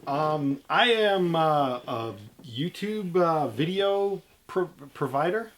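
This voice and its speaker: A middle-aged man with a fairly high voice tells stories as an interview guest. He speaks casually, with joking, self-deprecating asides. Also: animated, slow. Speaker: interview guest, DJ and music history video maker.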